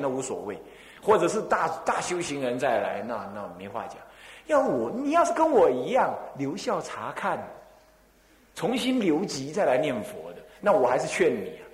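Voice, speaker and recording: A man from Taiwan, the abbot of a temple, giving a Buddhist dharma talk in a lively storytelling way, full of rhetorical questions and little chuckles. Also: a little high. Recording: echoey hall.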